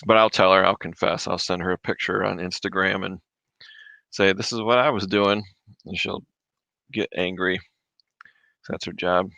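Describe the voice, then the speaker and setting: A man from Michigan hosts a casual livestream at home, reading out viewer comments and chatting through their questions. His voice sits low but has a bright, forceful edge. The desk mic gives a dry, close sound. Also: fairly even intonation, moderate pace, creaky, long pauses, no room sound, rough recording. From Michigan, USA. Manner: chatty, reads viewer comments aloud, chews while talking. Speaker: livestream host answering reseller questions. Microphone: desk microphone. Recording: dry close mic, drops off when mic moved away.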